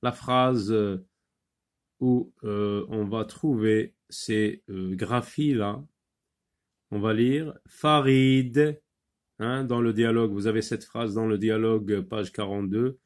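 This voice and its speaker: Slow, patient man teaching phonics. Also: on the low side, steady tone. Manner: slow, patient, with many pauses and fillers; switches between French and Arabic explanations. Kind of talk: phonics lesson.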